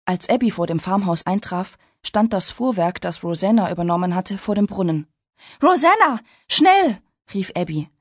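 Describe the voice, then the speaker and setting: A woman reading a story aloud in steady, measured scripted narration. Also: lowish voice, no echo, studio quality. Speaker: audiobook narrator.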